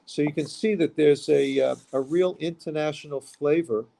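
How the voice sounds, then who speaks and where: A man's voice: fairly high pitch, fairly even intonation, moderate pace, creaky, warm tone. A man from Queens, a musician talking casually as an interview guest. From Queens, New York.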